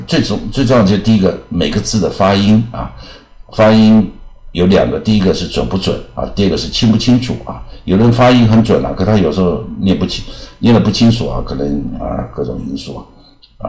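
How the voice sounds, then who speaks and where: An older man teaching English, chatty and repetitive, who slowly reads English legal text aloud. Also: deep voice, animated, darkish tone, roomy sound. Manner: chatty, repeats phrases with drawn-out particles; slow, careful read-aloud of English text. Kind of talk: lecture.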